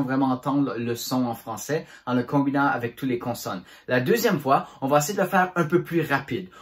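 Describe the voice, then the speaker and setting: A man teaching children a voice warm-up, articulating syllables clearly and encouraging them. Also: medium pitch. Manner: clear, deliberate articulation, chanting syllables in drills; encouraging and instructive. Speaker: drama teacher.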